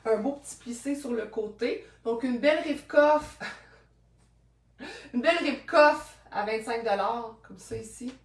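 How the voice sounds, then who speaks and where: Recorded by a far-off camera in an echoey room, this vlogger speaks in a higher-pitched Québécois French voice at an unhurried pace. She's showing off thrift finds in a casual try-on chat, lighthearted and talkative, cracking jokes to herself.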